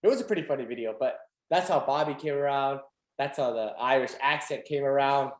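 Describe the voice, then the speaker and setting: A young male podcast host with a mid-range voice talks fairly quickly in a casual, animated chat full of fillers and laughter. The recording has the echo of a reverberant room.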